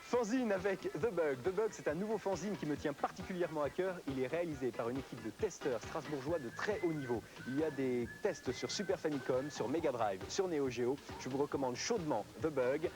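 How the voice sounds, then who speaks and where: A man with a French accent reading scripted announcements as presenter of a video game show, in a promotional, clearly articulated way. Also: on the high side, animated, fairly quick, few pauses. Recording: music under the voice. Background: prominent music.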